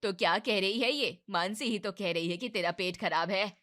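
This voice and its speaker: A woman voicing a bossy, loud mother-in-law. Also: mid-range voice, moderate pace, lightly acted. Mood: scolding. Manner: scolding, loud and commanding. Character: bossy but caring older mother-in-law. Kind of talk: animated Hindi family drama voicing.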